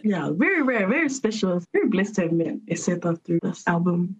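A woman, a poet and guest on the show, answering in a soft-spoken, measured way. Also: on the low side, big pitch swings, slightly rough. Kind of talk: casual interview chat. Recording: dull lo-fi line.

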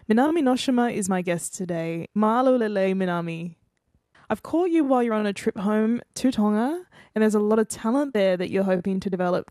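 A woman's voice: medium pitch, mellow, dry recording, studio quality. A woman hosting an interview, reading a scripted introduction and then asking encouraging questions. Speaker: interviewer, host.

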